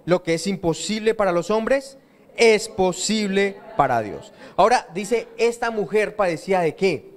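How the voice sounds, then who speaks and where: A man's voice: high voice, animated, unhurried. A man preaching a sermon in a church, asking the congregation questions and answering them himself. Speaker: pastor.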